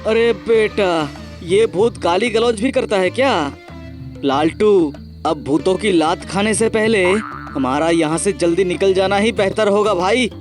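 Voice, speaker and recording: Man playing a cartoon coward, young, jumpy, stammering, comic panic, slow. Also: high-pitched, soft background music. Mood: scared.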